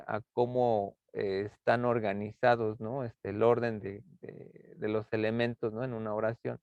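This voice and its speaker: Male lecturer, gravelly, hesitant and filler-heavy, dry tinny call audio. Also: mid-range voice, darkish tone, dry recording. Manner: halting, many fillers and tag questions. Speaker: university lecturer. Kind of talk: lecture explaining rhetorical figures. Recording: tinny phone-like online class audio.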